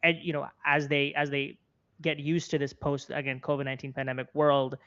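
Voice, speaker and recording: A Florida man in his twenties, a content creator and journalist, appears as an interview guest and offers conversational commentary in an American accent, earnestly rephrasing his points as he goes. His medium-pitched voice is brisk, clear and resonant with a fairly bright tone and little pitch movement. The recording has its highs cut off.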